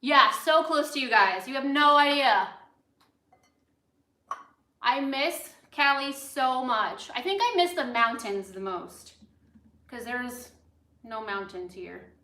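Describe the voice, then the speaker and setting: She speaks slowly in a high-pitched voice, leaving long pauses, her tone bright and forceful. This American chef from Los Angeles hosts a cooking livestream, chatting casually and drifting into tangents as she works. The recording sounds roomy and reverberant.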